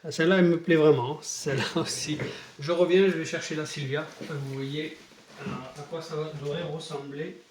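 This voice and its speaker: Casual hobby vlogger, man, slightly high voice, hesitant and rambling delivery, filler-heavy. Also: steady tone, normal speed, noisy background. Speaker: scale model hobbyist.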